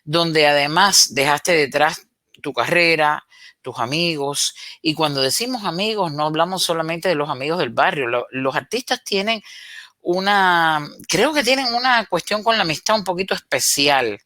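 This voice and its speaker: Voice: mid-range voice, lively intonation, normal speed, no echo. An interview host recapping a friend's journey in long, flowing, admiring sentences. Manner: warm praising recap, running long sentences. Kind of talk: conversational interview.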